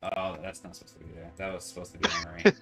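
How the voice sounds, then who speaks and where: Low-voiced man running a tabletop game. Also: fast. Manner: relaxed, filler-heavy narration. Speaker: game master. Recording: roomy echo, faint music.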